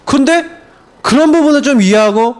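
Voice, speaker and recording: A middle-aged man, a pastor, preaching a sermon with animated storytelling, often laughing as he tells it. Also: extremely high pitch, normal speed.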